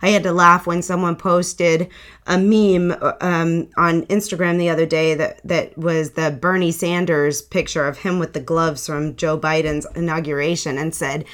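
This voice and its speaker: A woman's voice: sits low, level tone, moderate pace, fairly bright tone. A woman hosting her own podcast in a chatty, upbeat way, sounding nasal from a cold. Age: adult author. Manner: chatty, upbeat, with frequent ums. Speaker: podcast host. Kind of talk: casual solo podcast.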